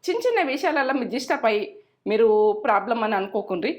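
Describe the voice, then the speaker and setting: A middle-aged cooking-channel host talks rapid-fire in a sing-song voice on the high side. She chats casually, passing along homely advice and circling back to repeat herself.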